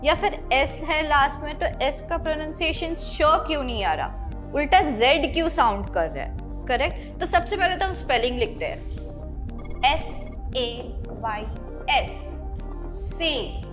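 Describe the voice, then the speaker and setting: High-voiced woman teaching pronunciation. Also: lively intonation, measured pace. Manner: explains step by step, spells words out letter by letter. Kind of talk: classroom-style lesson. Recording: light background music.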